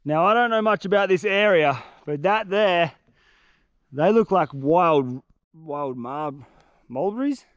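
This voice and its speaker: Slow and expressive, a young man with a high voice and a congested nose chats to camera as he hikes a humid, dense forest for his fishing vlog. The sound is muffled but has no echo, and his manner is laid-back, chatty and slangy.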